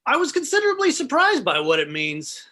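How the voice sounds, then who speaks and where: A woman reading a halting, sheepish husband. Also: high-pitched, wildly swooping pitch, pushed and bright, heavily acted. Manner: halting, hesitant delivery. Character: hesitant, sheepish husband, man. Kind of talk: comic play reading.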